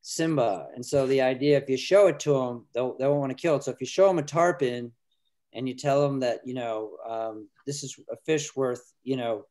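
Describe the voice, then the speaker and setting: The filmmaker guest, a middle-aged man, has a mid-range, somewhat mellow voice as he speaks earnestly during a relaxed video call from home. He often stops and restarts his sentences, and his webcam captures the audio.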